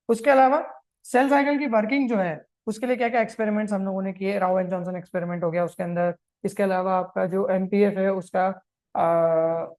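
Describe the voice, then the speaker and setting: Man giving brisk exam-prep lecture. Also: sits high, a little mellow. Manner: brisk, direct, mixes English terms into Hindi; talks straight to students, reassuring. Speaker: exam coaching teacher.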